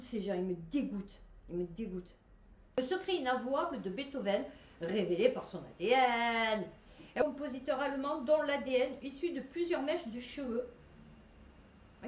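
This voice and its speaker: A woman's voice: high voice, far from the mic. Chatty Marseille woman in a roomy echo. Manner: chatty, many fillers and restarts, reads headlines aloud. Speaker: host reading science news. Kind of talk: casual commentary on news articles.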